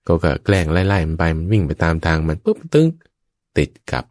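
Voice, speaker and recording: A man with a very low, deep voice preaches a Buddhist sermon, speaking straight to his listeners again and again. He tells it with vivid sound words and playful asides. The sound is close and dry, with no room echo. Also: sing-song, a little fast, a little mellow. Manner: keeps addressing the listeners directly.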